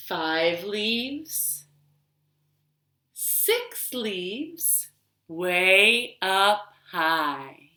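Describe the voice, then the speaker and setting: Recorded in a living room full of echo, this storytime host, a librarian, has a sharp tone at medium pitch. She draws out repeated words in a sing-song manner and gives the children easy, supportive directions.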